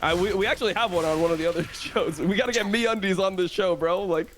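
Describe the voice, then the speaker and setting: Podcast host, man, slightly high voice, relaxed, lots of fillers. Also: fast, a little hiss or hum. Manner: relaxed, filler-heavy, wrapping up. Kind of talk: casual podcast chat.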